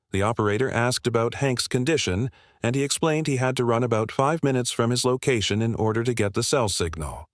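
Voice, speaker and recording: A man telling a long scripted dad joke as a story, in measured full sentences. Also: on the low side, dry recording, studio quality.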